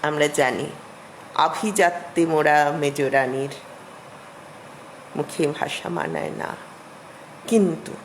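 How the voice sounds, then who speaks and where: A middle-aged woman giving an academic lecture as a literature professor, measured and explanatory, with emphatic rises. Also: low-pitched, vocal fry, slight background noise, low-quality recording.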